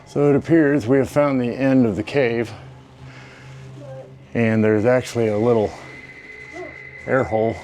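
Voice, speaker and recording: A man's voice: medium pitch, fairly even intonation, a little slow, pauses often, warm tone. A man hosting a casual vlog, his voice echoing inside a big cave. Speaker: vlog host. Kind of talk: casual walk-through vlog. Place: inside a large limestone cave. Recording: echoing cave with background noise.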